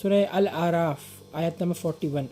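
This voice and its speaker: Male reader of scripture translation, fairly high voice, quick and informal, restarts and explains. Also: dark tone, a little hiss or hum. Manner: quick reading with restarts and filler sounds.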